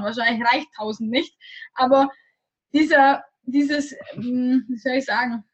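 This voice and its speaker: A woman's voice: high voice, lo-fi sound. A young woman from Germany in her twenties, a guest chatting casually in an interview, rambling with many fillers.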